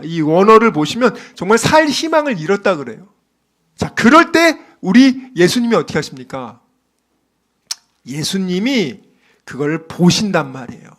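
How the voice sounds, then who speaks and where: A middle-aged pastor delivers an early-morning sermon in a high-pitched voice. He swings up and down in pitch as he fires rhetorical questions at his congregation. He acts out the scenes he describes with sound words. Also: a bit bright.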